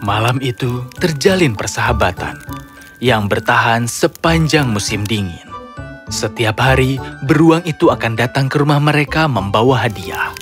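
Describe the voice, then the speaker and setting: A man tells a children's story from a script, his middle-pitched voice expressive and his pace normal. Clear music plays behind him.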